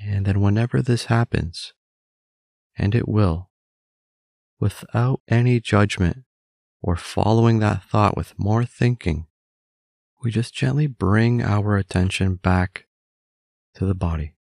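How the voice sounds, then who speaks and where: A man leads a meditation in a low, slightly gravelly voice, speaking very slowly and calmly with gentle, measured instructions. The recording is dry and close, with no room sound.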